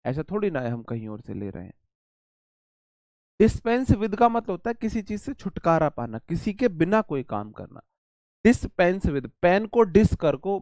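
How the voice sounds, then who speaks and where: A man with a fairly high, slightly mellow voice that is clear and resonant, recorded without room sound. He teaches English vocabulary in a live online class, chatting, repeating words, explaining memory tricks and answering the chat.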